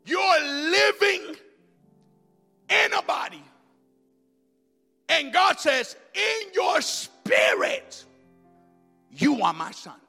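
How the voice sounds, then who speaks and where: Very animated and gravelly, this male preacher's very high, bright voice shifts from shouting down into quick, hushed asides and back up again. He's heard in a hall with long reverb, soft music playing beneath his sermon.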